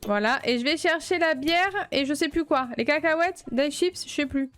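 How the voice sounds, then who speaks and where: A woman's voice: sits high, normal speed. A woman streaming a video game, chatting playfully with the game's customers and breaking into flustered outbursts when things go wrong. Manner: flustered outbursts and shouting at chaos. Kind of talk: let's play commentary.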